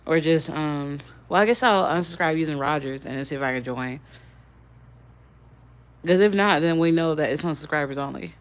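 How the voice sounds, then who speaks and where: Her voice low and her speed normal, a young woman hangs out with viewers on a livestream, rambling through casual chat and swearing now and then.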